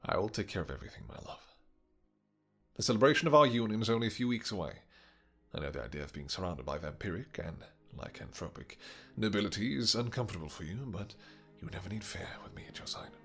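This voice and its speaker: King Lothaire, low-voiced doting vampire king, acted by a man. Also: big pitch swings, a bit bright, breathy edge, faint music behind, heavily acted. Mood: soothing, devoted. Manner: courtly archaic phrasing, hesitant pauses, tender endearments. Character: doting, possessive, vengeful male vampire king with horns and wings. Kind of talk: romantic fantasy audio roleplay.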